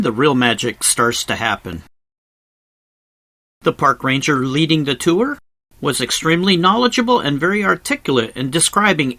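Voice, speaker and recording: Animated male travel narrator with a bright voice. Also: mid-range voice, gravelly, dry recording. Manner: conversational, wry asides, explanatory. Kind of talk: scripted voice-over narration, informal tour guide. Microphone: close voice-over microphone, recorded separately from the cave.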